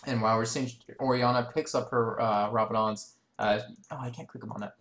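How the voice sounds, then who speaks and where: A man doing color commentary on a video game match, excitable and quick to jump in, often apologizing for interrupting. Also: medium pitch, echoey room. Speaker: esports co-caster.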